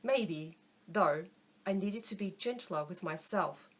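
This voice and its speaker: Woman reading an audiobook in a hoarse voice. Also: fairly low pitch, lively intonation, slow pace. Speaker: narrator. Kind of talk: audiobook narration.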